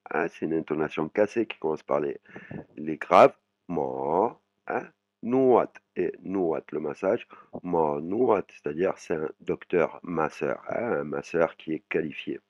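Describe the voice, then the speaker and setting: A man teaching a language lesson, explaining words slowly and adding "hein" after many phrases. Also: very deep voice, darkish tone, no room sound. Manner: frequent "hein" tags, slow drawn-out sample words. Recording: dry, muffled lo-fi voice.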